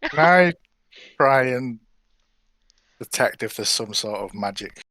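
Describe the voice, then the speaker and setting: A man's voice: medium pitch, expressive, takes it slowly, bright, forceful tone, no echo. A man chatting casually as a player in a tabletop role-playing game.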